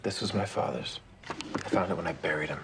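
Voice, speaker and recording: An actor playing a grave, determined young rich vigilante in a TV drama, speaking in an earnest, measured way. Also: male voice, low-pitched, noisy background. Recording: dramatic music behind the voice.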